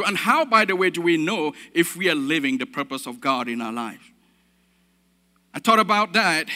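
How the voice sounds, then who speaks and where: A man from Cameroon preaches a sermon, building his points through repeated phrases and asking the room for an amen. His voice sits high for a man and rings very bright. A long reverb of a large hall trails after every phrase. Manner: preaching with emphatic repetition and calls of amen. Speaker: pastor.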